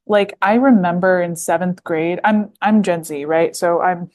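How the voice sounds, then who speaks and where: On the low side and a little mellow, her voice moves at a measured pace. She is a guest author from the United States in her 20s, giving a podcast interview in a rambling way that's thick with fillers and restarts.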